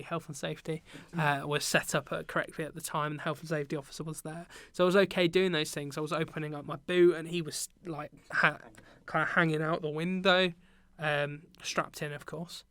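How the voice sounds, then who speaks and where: A man's voice: on the high side, a little fast, few pauses, dry recording. A young adult British man telling work stories in a casual podcast chat, with lots of ums. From Britain. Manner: relaxed storytelling with many ums. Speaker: podcast guest, teacher and business owner.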